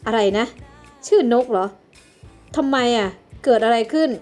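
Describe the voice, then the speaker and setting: A woman's voice: a little high, unhurried, a little mellow, soft background music, natural voice. A woman voicing a nervous, irritable young man haunted by guilt in a homemade life-sim drama. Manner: nervous, snappish.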